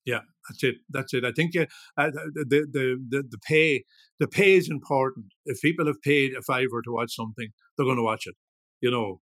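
A man of about seventy with a north-west of Ireland accent, reminiscing casually in an interview in a halting, rambling way that often repeats words. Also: mid-range voice, fairly bright tone, dry recording. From Ireland, grew up in Ballyshannon, County Donegal. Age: 70s. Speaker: guest, veteran musician.

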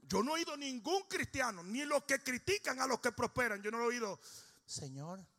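A male pastor, preaching a humorous sermon that swings from shouting to low, joking storytelling. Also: brisk, vocal fry.

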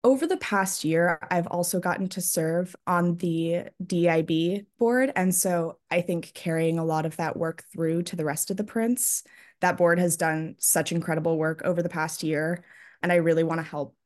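A woman's voice: fairly low pitch, normal speed, darkish tone. A young woman who is a student managing editor, speaking steadily and sincerely. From Pennsylvania, USA. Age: young adult. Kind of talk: casual interview answers.

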